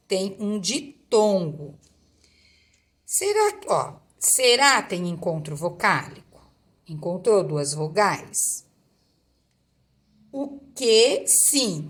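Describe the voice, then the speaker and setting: A woman teacher, reading a textbook lesson aloud to pupils and explaining it patiently, step by step. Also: mid-range voice.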